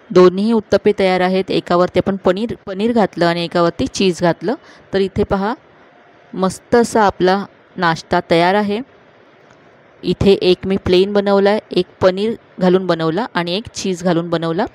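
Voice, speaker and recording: A woman hosting a cooking channel, calmly narrating each step of a recipe to viewers in a voice-over. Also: on the low side. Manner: calm, instructive, addressing viewers directly.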